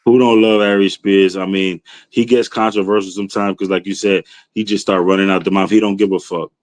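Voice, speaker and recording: A man's voice: low voice, flat delivery, fairly quick, no room sound. A man chatting enthusiastically on a podcast, often tossing in "you know what I mean.". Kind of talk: casual chat.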